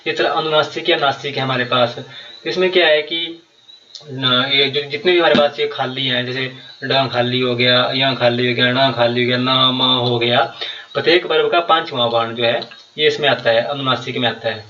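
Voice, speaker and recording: A man's voice: medium pitch, steady tone, normal speed, sharp tone, echoey room, far from the mic, muffled recording. A man teaching a grammar lesson for exam preparation, explaining step by step and repeating key terms with many fillers. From Himachal Pradesh, India.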